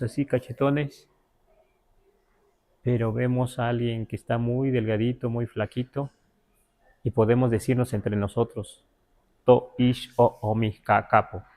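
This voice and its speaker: A man with a Mexican Spanish accent teaching a language class, halting with many fillers and spelling words out syllable by syllable. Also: mid-range voice, dark tone. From Huasteca, Mexico. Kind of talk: live class explanation.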